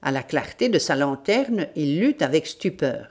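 A woman reading an audiobook with measured, dramatic storytelling. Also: deep voice, big pitch swings, a little mellow. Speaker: audiobook reader. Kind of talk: scripted narration.

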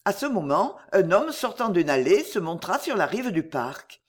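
Expressive narrator reading an adventure storybook aloud, voice rising and falling widely. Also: medium pitch, moderate pace. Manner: lively, expressive read-aloud delivery.

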